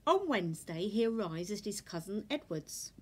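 A woman reads a children's picture book aloud with expressive, deliberate storytelling delivery. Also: mid-range voice, husky. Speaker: storybook reader. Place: indoors in a furnished room at home.

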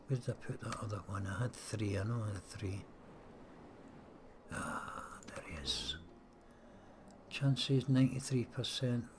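A let's-play gamer casually commentates on a strategy game into a close desk mic, chatting and muttering to himself. His fairly low voice is expressive and unhurried, with frequent pauses, and background noise is audible.

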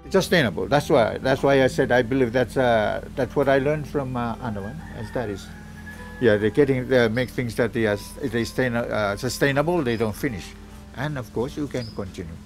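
Male elder, 60s, mid-range voice, casual and halting. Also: medium pitch, faint music behind. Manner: halting, repeats himself. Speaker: village elder. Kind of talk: casual interview. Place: open porch outdoors among palms.

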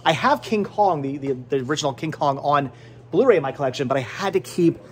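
A middle-aged man with a fairly high, expressive voice and quick pace hosts a casual vlog inside a small, cluttered movie and game shop. Filmed on a phone or camera held at arm's length, he rambles and repeats words for emphasis.

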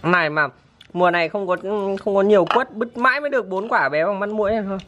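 A woman's voice: mid-range voice, animated, fast talker, a bit bright, lo-fi sound. A woman chatting casually as she hosts an eating video, talking with food in her mouth that burns from the spice. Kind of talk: casual chat. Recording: noisy handheld recording with clicks.

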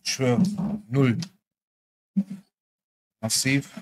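A man's voice: medium pitch, flat delivery, very slow. A man chatting casually on a group livestream in short, slangy remarks.

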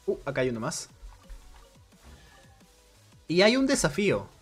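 A man narrates his own gameplay for a game guide, talking through each step in a relaxed, chatty way. His pitch swings widely as he reacts. Soft music plays faintly behind him. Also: unhurried, husky. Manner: thinks aloud while playing, chatty and conversational. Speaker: video game guide creator. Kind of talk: casual gameplay commentary.

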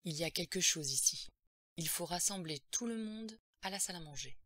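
A woman voicing a renowned female medium who speaks gravely and softly in a spoken horror story. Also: lively intonation, slow pace, no room sound, studio quality, full character voice. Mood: grave calm. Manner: grave, low and quiet.

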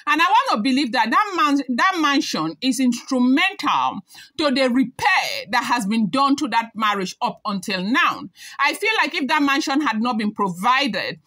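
A young woman talks celebrity gossip straight to camera. Her voice sits a little high and rings bright and forceful. She chats along easily and keeps tacking on reminders that it is all hearsay. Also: sing-song, moderate pace. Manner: chatty, hedging with repeated disclaimers. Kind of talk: casual gossip commentary to camera.

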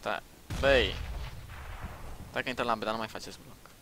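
A man shouting quick callouts, laughing and cursing, chatting with his team during a match. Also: lowish voice, vocal fry, background noise. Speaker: gamer calling out plays. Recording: game gunfire loud behind. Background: gunfire from the game.

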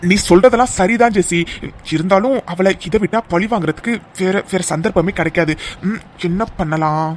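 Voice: mid-range voice, moderate pace, few pauses, lightly acted. A voice actor doing a spiteful scheming young woman. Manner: sly, plotting. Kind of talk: cartoon serial voice acting.

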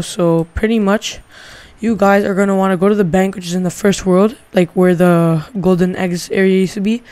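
A man's voice: sits high, a little mellow. Rambling casual male gaming host. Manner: rambling, thinking aloud with many "like" fillers. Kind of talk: casual game tutorial commentary.

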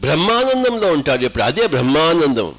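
An older man delivers a spiritual discourse in a high, lively voice that swoops up and down. He hammers points home through repetition and rhetorical questions. His tone is bright and forceful. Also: quick pace, a little hiss or hum. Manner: emphatic, repetitive, rhetorical questions, mixing in English and Hindi. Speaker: spiritual teacher.

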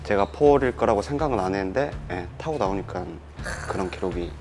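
A man in his twenties, a racing driver guest, answering casually with relaxed confidence. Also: fairly low pitch, fairly quick. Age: 20s. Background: music.

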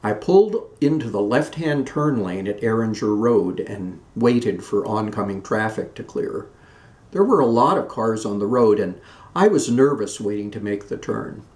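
A man in his sixties reading his own memoir aloud in a measured storytelling way. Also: fairly low pitch, expressive, darkish tone. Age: 60s. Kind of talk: scripted narration of a memoir. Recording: roomy echoey room.

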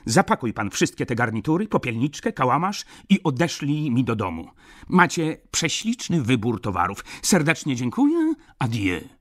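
A man reading an audiobook, voicing a flustered, absent-minded older baron in a high, fussy, nervous voice. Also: very animated, a little slow. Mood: effusive.

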